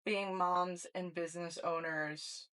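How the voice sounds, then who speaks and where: A woman's voice: lowish voice, fairly even intonation, slow, a bit bright. A woman in her thirties co-hosting a casual podcast, laughing often and explaining at length. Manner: laughs often, talks things through in long stretches. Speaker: podcast co-host. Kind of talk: casual chat.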